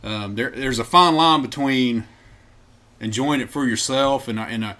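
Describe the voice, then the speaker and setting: A man's voice: mid-range voice, a little slow, bright, forceful tone. A man co-hosting a podcast, laid-back and chatty, drifting off into side tangents. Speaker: podcast co-host. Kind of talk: casual chat.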